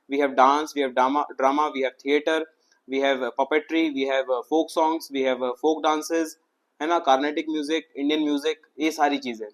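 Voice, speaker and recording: A man teaching an exam-prep lesson in a conversational way, talking straight to his students and asking them questions. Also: on the high side. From India.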